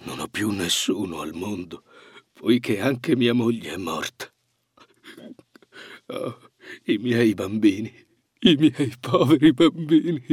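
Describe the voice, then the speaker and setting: A man voicing a grieving woodcutter father in a fairy tale reading, soft and mournful. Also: on the low side, expressive, takes it slowly, pauses often, slightly rough, no room sound, clean studio sound, full character voice. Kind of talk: storybook reading.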